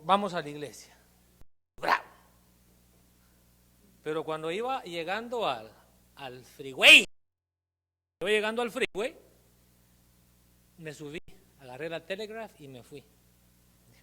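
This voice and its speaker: A male pastor tells his testimony from the pulpit in a lively, animated storytelling manner. His pitch rises and falls widely as he acts out moments. A long reverb from the church hall trails each phrase. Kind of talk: sermon with personal testimony.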